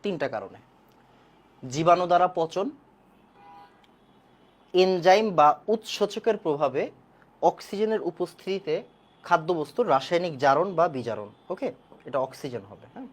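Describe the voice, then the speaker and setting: A woman's voice: on the low side, animated, normal speed, long pauses. Repetitive woman chemistry teacher, quizzing. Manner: repeats key points and quizzes the class. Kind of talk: online class lecture.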